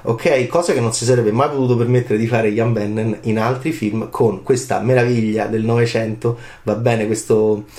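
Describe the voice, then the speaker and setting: Man in his forties, film critic type: animated monologue with rhetorical questions, mid-range voice, room echo on the recording. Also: moderate pace, hardly any pauses. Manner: animated, rhetorical questions, pitch leaps up when excited. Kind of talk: passionate film commentary monologue. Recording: roomy echo.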